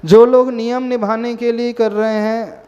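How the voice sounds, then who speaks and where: A man's voice: very high voice, flat delivery, a little slow, a little mellow, smooth. A man, a Jain monk, giving a sermon and often asking the listeners questions. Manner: questions the listeners often and mixes in English words. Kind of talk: sermon to a gathered audience. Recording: long hall reverb, dull lo-fi sound.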